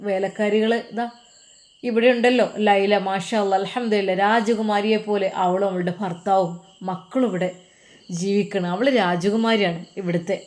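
An older foster mother, kindly but insistent, pressing a grown son to say what he wants, as a woman storyteller plays her. Her voice sits a touch higher and louder than the narration, with a pleading, questioning lift. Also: fairly even intonation, normal speed, lightly acted.

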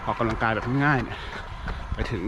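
Traffic and ambient noise fill this outdoor clip of a man on the move, his voice fairly low and quick. Like a running coach vlogging, he explains training in short, broken phrases as he runs.

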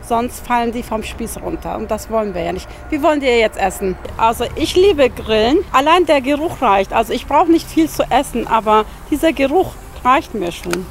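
A woman's voice: a little high, lively intonation, normal speed, few pauses, a little hiss or hum. Chatty woman hosting a cooking vlog. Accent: Turkish. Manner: chatty, explains steps while cooking. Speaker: cooking channel host. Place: home kitchen and garden barbecue.

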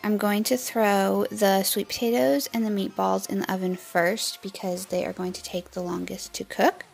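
A young woman casually narrates her cooking, one step after another, in a relaxed and easygoing way. Her voice sits at an ordinary middle pitch with a gravelly texture. Soft music plays faintly beneath her. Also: moderate pace, low-quality recording. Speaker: cooking vlogger. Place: home kitchen.

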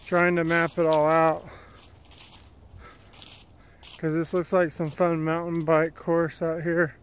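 A man's voice: on the high side, monotone, slow, slight background noise. Chatty man hiking a trail. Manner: chatty, plainspoken, rambling. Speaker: vlogger. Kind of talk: casual walking commentary. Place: wooded dirt trail outdoors. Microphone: handheld phone camera while walking.

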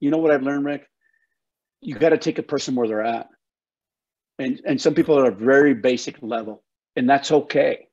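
He's an older guest educator focused on soil health, speaking over a video call from his home office in an emphatic, folksy style. His medium-pitched voice is brisk, a little mellow and slightly rough, with long pauses, and the audio is slightly dull and the talk passionate and explanatory.

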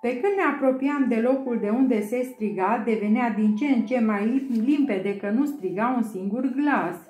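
A woman narrating an audiobook in a steady storytelling manner. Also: on the high side. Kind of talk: scripted narration. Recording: roomy echo, faint music.

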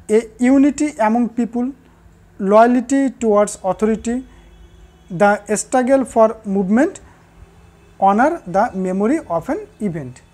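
Woman teacher, mellow voice, says answers twice, lots of uh pauses. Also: a little high. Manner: repeats key answers, pauses with fillers. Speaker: English teacher. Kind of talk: recorded classroom lesson.

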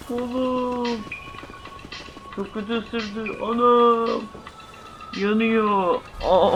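A man playing a poor, clumsy young man who yells and panics when he gets hurt, in an amateur short film. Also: fairly high pitch, noisy background.

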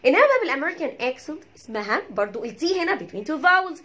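Egyptian lady english teacher, quick talker, voice jumps all over, keeps repeating words for practice. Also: high-pitched. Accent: Egyptian Arabic. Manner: animated, repeats words to drill pronunciation; checks in with "tamam?". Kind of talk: pronunciation lesson.

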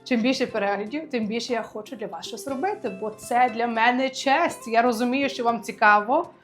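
Brief: a woman language teacher, lively and chatty with her viewers, a higher voice, a little under the weather, faint music behind. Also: fairly quick. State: recovering from illness, clears throat. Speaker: Italian teacher. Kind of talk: online language lesson. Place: home, indoors.

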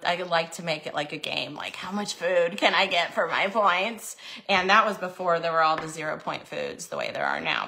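A woman in her forties hosting a casual live video from her kitchen, chatty and filling pauses with frequent "um"s. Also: fairly low pitch, creaky, bright, forceful tone. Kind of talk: casual live-stream chat. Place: home kitchen, indoors. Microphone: phone camera held close.

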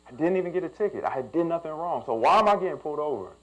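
A man's voice: fairly high pitch, lively intonation, racing, highs cut off. A young man, a pastor telling a personal story in a sermon and building to emphatic preaching.

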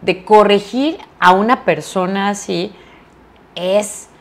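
Woman from mexico chatting in an interview, middle-aged, gets animated telling stories. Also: medium pitch, slow pace. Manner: animated storyteller, acts out quoted lines. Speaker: actress, interview guest. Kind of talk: casual interview chat.

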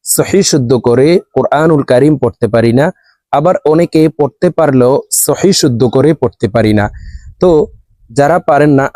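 A man teaching a recorded lesson on letter pronunciation. He repeats each letter slowly so listeners can copy him. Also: mid-range voice, mellow, dry recording. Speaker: Quran teacher.

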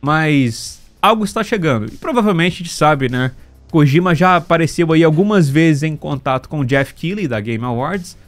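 A man's voice: fairly high pitch, animated, moderate pace. A Brazilian man giving casual, slangy gaming news commentary, often checking in with short tag questions. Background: background music.

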